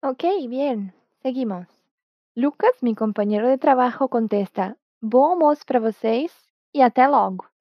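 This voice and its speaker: Slow, patient woman teacher. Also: fairly high pitch, dry recording. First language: Portuguese. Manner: patient, models words slowly for the learner to repeat. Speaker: Portuguese teacher. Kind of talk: language lesson. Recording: dull, dry, lo-fi sound.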